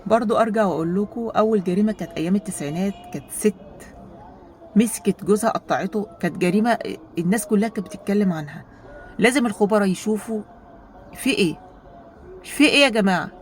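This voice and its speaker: An Egyptian woman vlogger telling a story in a casual monologue, animated and rhetorical, often turning to her viewers with questions. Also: mid-range voice, fast talker, pauses often, a little hiss or hum. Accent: Egyptian Arabic.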